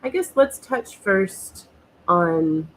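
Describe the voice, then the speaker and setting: A woman's voice: medium pitch, animated, extremely slow, a little hiss or hum, poor audio. An American woman hosting a casual talk, nasal from a cold, speaking in hesitant, rambling phrases with many fillers. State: has a cold. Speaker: host.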